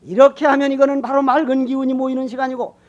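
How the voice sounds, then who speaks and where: An older Buddhist monk delivers a sermon in a strikingly high voice. He talks in a folksy, teasing way, rising to loud calls and dropping to near-whispered asides. The recording is muffled and lo-fi. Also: level tone, fast. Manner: colloquial, teasing and emphatic, swings between loud calls and quiet asides. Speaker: Buddhist monk giving a dharma talk.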